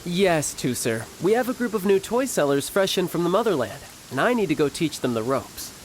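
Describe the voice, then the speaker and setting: Smooth, playful, lively young man. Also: sits high, brisk, a little hiss or hum. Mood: casual, brotherly. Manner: breezy, polite, theatrical. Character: smooth, playful young male harbinger posing as toy seller. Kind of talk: video game voice acting.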